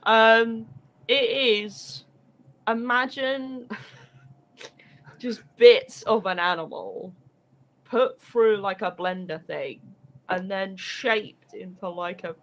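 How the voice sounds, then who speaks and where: A woman's voice: mid-range voice, drawn-out words, pauses often, a bit bright. A woman chatting casually as a stream co-host, given to rambling explanations. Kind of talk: casual chat.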